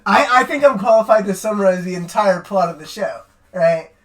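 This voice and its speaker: High-voiced young man rambling a story. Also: lively intonation, moderate pace, over a noisy crowd. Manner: rambling, profane, keeps adding "right?". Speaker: podcast co-host. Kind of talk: casual chat, storytelling.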